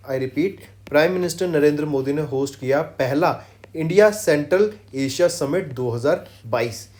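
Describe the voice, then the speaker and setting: A man with a slightly high voice teaches a current affairs lesson for exam prep. He keeps firing short quiz questions, answers them himself and stresses what to remember. He slides between Hindi and slowly read English lines. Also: a little mellow. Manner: drills facts with quick quiz questions and repeats, mixing English phrases into Hindi; slows right down to read English lines word by word.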